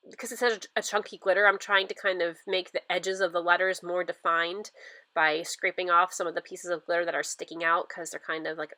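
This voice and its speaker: Middle-aged woman, stuffy from a cold, chatty rambling craft voice-over, bright dry sound. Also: fairly low pitch, no echo. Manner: chatty, rambling, lots of fillers. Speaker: scrapbooking vlogger. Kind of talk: casual voice-over narration of a craft process.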